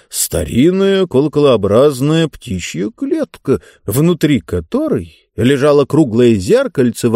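A man reading a fairy tale aloud as the narrator, in an expressive reading style. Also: no room sound, clean studio sound. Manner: expressive reading with wide pitch swings. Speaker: audiobook narrator. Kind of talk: scripted narration.

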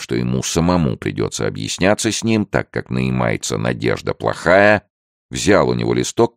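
A male narrator with an extremely deep, gravelly voice reads an adventure novel with lively rises and falls. The sound is dry and close, with no room around it. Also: no echo.

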